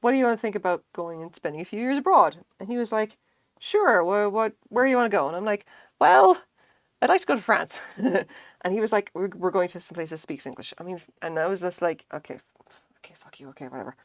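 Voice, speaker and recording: An Irish woman in her thirties who streams crochet chats casually and rambles on a live stream, swearing freely and laughing often. Her mid-range voice is expressive and quick, recorded with no echo.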